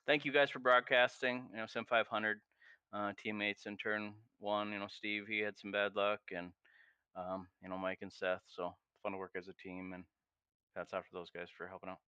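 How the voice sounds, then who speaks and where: A man recapping his race hesitantly, with plenty of "you know" and "uh." His voice is bright and clear, but it arrives over a dull, lo-fi voice-chat line. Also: lowish voice, flat delivery, normal speed, no echo. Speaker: race driver. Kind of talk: post-race interview.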